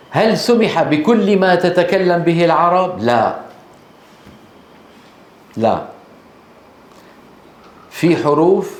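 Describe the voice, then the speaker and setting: Lively male teacher in echoey room. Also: a little high. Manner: animated, checks listeners with rhetorical questions. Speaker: Quran recitation teacher. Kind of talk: classroom lecture.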